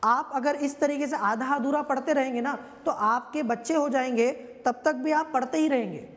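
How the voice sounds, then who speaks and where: A woman's voice: sits high, moderate pace, in a large hall. A woman teaching an exam-prep history lecture, conversational and often checking in with her listeners.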